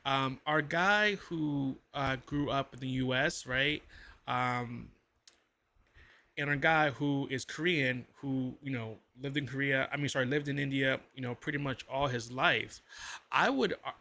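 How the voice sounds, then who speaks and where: Gravelly, bright-voiced man reacting. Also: medium pitch, unhurried. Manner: thinking aloud, many fillers and restarts. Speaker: reaction video host. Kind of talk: casual reaction commentary.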